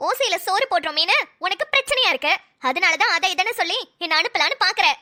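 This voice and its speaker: A woman's voice: very high voice, animated, fast talker, sharp tone, heavily acted. A snappy, quarrelsome young mother, voiced by a woman. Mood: argumentative. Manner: snappy, argumentative. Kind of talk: cartoon voice acting.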